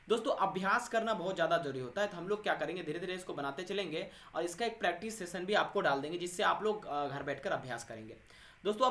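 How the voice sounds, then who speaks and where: Guy teaching grammar, super chatty, keeps saying okay, slows down on the important bits. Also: high voice, a bit bright. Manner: chatty, repeats "okay" after nearly every point; addresses viewers as friends, stresses words by slowing down. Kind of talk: explanatory classroom-style lesson.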